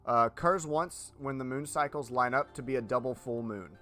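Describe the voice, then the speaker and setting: A man with a medium-pitched voice runs a tabletop game as its game master. He explains lore informally and matter-of-factly, over faint background music. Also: normal speed, fairly bright tone.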